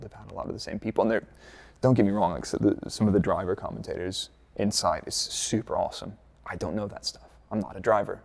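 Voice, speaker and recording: A laid-back American man from Dallas with a gravelly voice, low and darkish, gives casual interview answers. He is an F1 content creator and former performance engineer, chatty and full of fillers and jokey asides.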